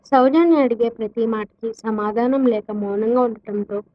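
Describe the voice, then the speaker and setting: A woman's voice: fairly high pitch, moderate pace. A woman narrating a dramatic family story, switching her tone for the characters' quoted lines. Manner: expressive, shifts tone for quoted characters. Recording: dull, lo-fi dry recording.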